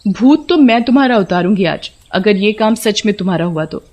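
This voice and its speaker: A woman voicing a chatty, plant-loving young wife who scolds her husband in an animated horror story. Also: mid-range voice, brisk, lo-fi sound, lightly acted.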